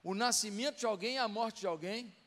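High-voiced impassioned male preacher. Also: fairly quick. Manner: impassioned, emphatic preaching with sudden loud peaks. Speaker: pastor. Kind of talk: sermon. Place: church sanctuary during a service. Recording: long reverb of a large church hall.

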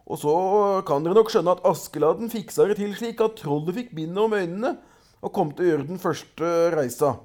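High-voiced man reading a folk tale. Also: darkish tone. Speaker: storyteller.

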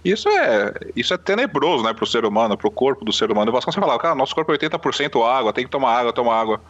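A man, the guest on an interview, telling a story in an excitable, animated way with sudden jumps in pitch. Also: very fast, highs cut off. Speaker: poker player guest. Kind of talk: casual storytelling.

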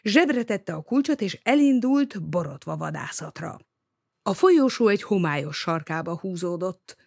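An audiobook reader reading a novel aloud in a lively, expressive way. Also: medium pitch, gravelly, dry recording, studio quality.

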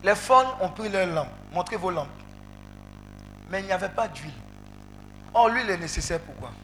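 A male preacher leading an interactive sermon, calling out to the congregation and breaking into loud exclamations. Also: high-pitched, normal speed, slight background noise. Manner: animated, calls out to the congregation, bursts into loud exclamations. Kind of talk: interactive sermon with call and response.

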